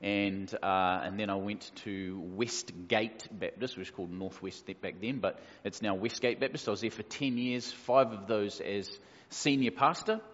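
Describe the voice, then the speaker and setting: This is a New Zealand pastor in his forties giving a casual welcome talk to his church, easygoing and joking with lots of fillers. His voice is fairly low and a bit bright, at a moderate pace with few pauses. The church hall makes it echoey, and the sound is dull and lo-fi.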